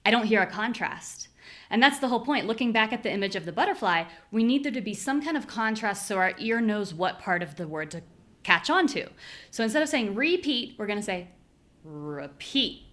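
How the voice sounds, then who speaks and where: A woman with an American accent teaching a live online pronunciation class. She explains patiently and clearly, and she exaggerates syllables to show the stress. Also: on the high side, lively intonation, a little fast, a bit bright. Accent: General American.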